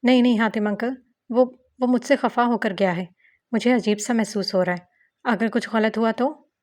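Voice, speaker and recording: A woman's voice: on the high side, a little mellow, close to an everyday voice. A woman voicing an emotional young wife who stammers, in an audiobook novel reading. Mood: anxious. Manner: stammering, halting speech. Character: emotional young wife, tearful then shy and playful.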